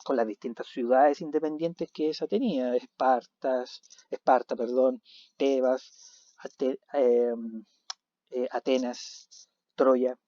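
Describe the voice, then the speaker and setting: A man teaching a recorded video lesson, animated, asking questions and answering them himself. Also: medium pitch, takes it slowly, no echo. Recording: dull lo-fi recording.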